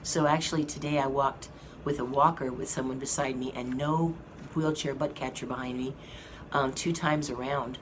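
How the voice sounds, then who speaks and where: A woman's hoarse voice, rumbling low with fairly even intonation, gives viewers an update on her health from a hospital rehab room. Her speech is slow, halting, and full of fillers, with an air conditioning fan humming noisily behind her.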